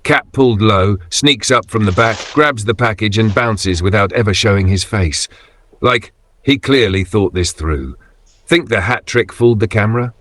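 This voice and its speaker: A man with a fairly low voice delivers casual, scripted commentary over clips. He speaks in short, punchy, slangy phrases with a wry edge. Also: moderate pace, a bit bright. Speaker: video narrator.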